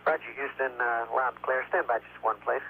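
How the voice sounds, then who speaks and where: A man commanding a spacecraft, giving brisk, clipped callouts over a crackly air-to-ground radio transmission. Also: mid-range voice, steady tone. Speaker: shuttle crew commander. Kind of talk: terse radio procedure talk. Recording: noisy phone-like radio downlink.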